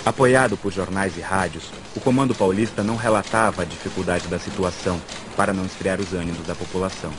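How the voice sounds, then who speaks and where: Speaking fast with hardly any pauses, a man with a Brazilian accent and a low voice delivers scripted documentary narration. His voice sits over loud, prominent background music in a noisy mix.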